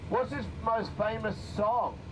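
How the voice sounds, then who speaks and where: A man's voice: high-pitched, fairly even intonation, measured pace. A man giving a joking, playful running commentary as a tour guide on a moving bus. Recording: distant voice with road noise.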